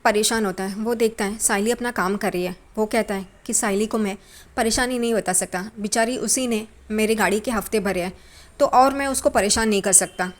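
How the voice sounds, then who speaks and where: A woman casually retelling a TV serial episode in a plain, steady storytelling manner. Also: mid-range voice, a little fast. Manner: plain, steady retelling with simple linking words. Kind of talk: casual spoken story recap.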